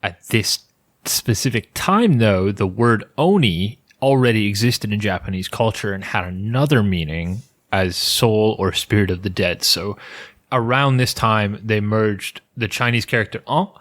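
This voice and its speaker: A man co-hosting a podcast speaks in a lowish, slightly bright voice at a measured pace. He presents researched folklore casually, joking around and restarting his sentences.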